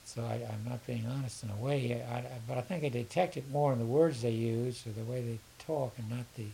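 An education consultant being interviewed, this older southern man has a brisk, gravelly, mid-range voice. He answers in a casual, halting, rambling way, frequently repeating himself. Behind him runs a faint steady hiss.

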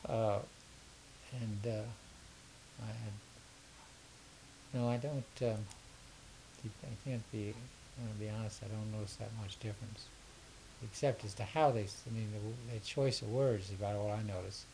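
Poor audio with a faint steady hiss captures an older man from the southern U.S., an education consultant answering interview questions. His lowish voice is creaky and paced normally. He speaks casually, wandering and hesitating, and repeats words often.

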